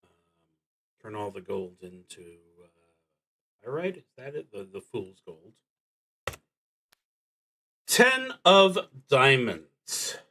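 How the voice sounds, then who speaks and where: A man with a mid-range voice reads prompts from a solo tabletop game and muses hesitantly, with long pauses for thought. His pitch swings hugely, and his tone is creaky, pushed and bright, captured on a rough recording.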